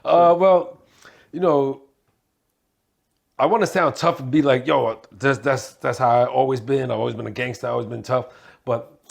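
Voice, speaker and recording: A man from Hong Kong speaks as an interview guest, loose and streetwise. His voice is gravelly with plenty of fry, sitting at an ordinary pitch for a man. He drifts into short laughs as he talks. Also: steady tone, normal speed, pauses often. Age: 40s. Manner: streetwise, laughs while telling stories. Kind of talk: casual interview.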